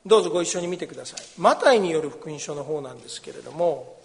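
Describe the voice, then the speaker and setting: A man, a pastor, giving a sermon with Bible reading, explaining gently in a conversational way in a church. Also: a little high, expressive, very fast, creaky. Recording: long reverb of a large hall.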